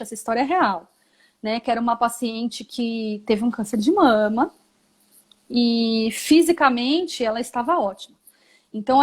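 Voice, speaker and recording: A Brazilian woman, a physiotherapist and mother, explaining her path in a live interview, reflective, with many tag questions. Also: fairly high pitch. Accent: Brazilian Portuguese.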